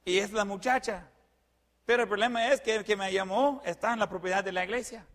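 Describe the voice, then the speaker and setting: High-voiced man telling a story. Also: fairly quick. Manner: lively retelling with sound effects and fillers. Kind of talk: personal anecdote. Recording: long hall reverb.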